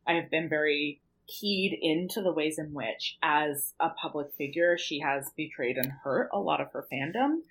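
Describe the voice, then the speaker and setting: A woman's voice: low voice, animated, normal speed, few pauses, a bit bright, a little hiss or hum, rough recording. A woman on a casual podcast, emphatic and wry as she talks things through.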